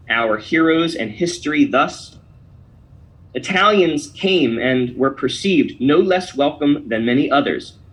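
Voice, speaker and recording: A male podcast host with a voice of ordinary middle pitch, delivering pointed commentary. He reads verse aloud with heavy emphasis, leaning hard into each line like a speech. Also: rough recording. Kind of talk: opinion commentary and poem reading.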